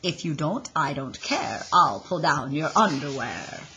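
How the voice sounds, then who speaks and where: An eager young frog boy from a picture book, acted out by a woman reader. The delivery is playful and exclaiming, with stretched-out words and highly animated pitch. Faint noise sits behind the voice. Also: measured pace, exaggerated voice. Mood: chanting.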